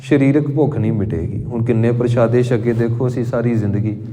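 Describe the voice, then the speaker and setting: A man preaching a scripture exposition sermon. He speaks as a deliberate teacher, intoning verses slowly and stressing syllables. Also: mid-range voice, mellow. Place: temple hall. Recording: long hall reverb.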